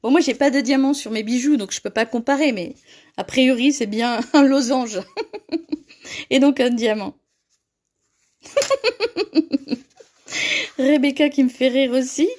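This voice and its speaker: A woman's voice: sits high, moderate pace, a little mellow. A woman hosting a live paper-craft tutorial, chatting with viewers and laughing often as she reads their comments.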